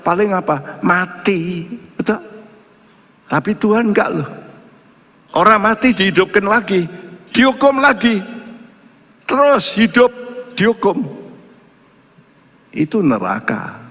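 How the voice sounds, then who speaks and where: A male pastor preaching a sermon, firing rhetorical questions and swinging between loud and hushed. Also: high voice, sing-song, takes it slowly, pauses often. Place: church. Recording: echoey church hall.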